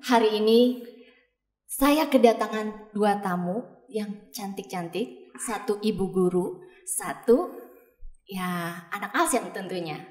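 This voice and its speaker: A woman's voice: mid-range voice, takes it slowly, long pauses, a little mellow. A woman hosting a casual school podcast, playful and teasing with her guests. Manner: playful and teasing, with bits of sung lines. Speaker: podcast host and teacher. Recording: long room reverb.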